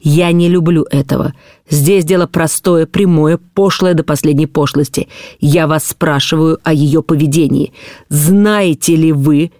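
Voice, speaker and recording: Give me a stern, contemptuous nobleman with a mellow voice, as a woman narrator puts him on in an audiobook. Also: deep voice, fairly even intonation, no echo, clean studio sound. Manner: measured, cutting, contemptuous. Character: stern cold middle-aged nobleman, contemptuous. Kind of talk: audiobook reading of a classic novel.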